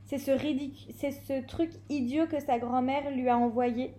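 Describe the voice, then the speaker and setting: A spiteful schoolboy bully sneers and taunts his classmates, as a woman reading a storybook aloud puts him on. The voice sits a little lower than her own bright, high narration, and every line drips with mockery. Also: steady tone, measured pace, a little hiss or hum. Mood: mocking. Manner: mocking, taunting.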